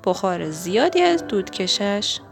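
A woman reading a children's picture book aloud in a gentle, expressive storytelling manner. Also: mid-range voice, vocal fry, over music. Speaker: storybook reader.

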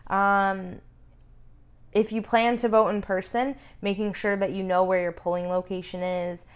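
A woman's voice: medium pitch, level tone, unhurried, clear, resonant tone. A woman co-hosting a casual advocacy talk, informal and emphatic, repeating herself to drive points home. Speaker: co-host.

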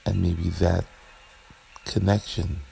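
A man leading a guided relaxation meditation in a soothing, gentle, unhurried manner with long pauses. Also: low-pitched, little pitch movement, gravelly, a little hiss or hum.

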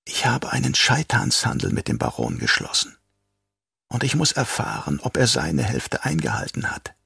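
Man voicing a crazed old traitor doctor, whispery, drawn-out, gravelly, husky, slightly raised pitch, audiobook. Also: wildly swooping pitch, bright, forceful tone, dry recording, studio quality, exaggerated voice. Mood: sly menace. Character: old male traitor doctor, mad, sly, soft-spoken.

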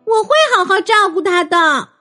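A woman's voice: very high voice, normal speed, pushed and bright, faint music behind, voice pushed up. A woman voicing a caring young girl who talks in an urgent, pleading way.

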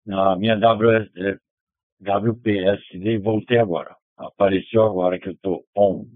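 A man's voice: lowish voice, unhurried, dry recording, narrow, tinny audio. A man running and closing an amateur radio net, reading out call signs in the phonetic alphabet, heard over a digital ham radio link. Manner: steady, reads call signs in the phonetic alphabet, keeps asking "tá bom?". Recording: thin, dry digital radio audio.

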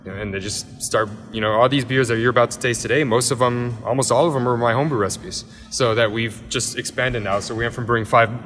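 A man in his thirties from Miami, a head brewer answering interview questions in a big tasting room, talking rapidly with many fillers and restarts. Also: mid-range voice, fairly even intonation, a bit bright, long reverb tail, faint music behind. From Miami, Florida.

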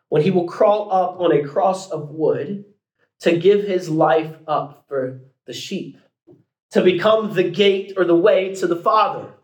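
A man in his thirties preaching a sermon, building to emphatic peaks with casual asides. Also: high-pitched. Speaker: pastor. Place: church sanctuary. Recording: echoey church room.

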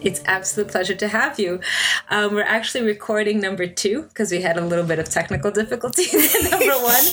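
A woman's voice: mid-range voice, fairly bright tone. A woman hosting an interview podcast, asking questions in a friendly conversational way and laughing along with her guest. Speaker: podcast host.

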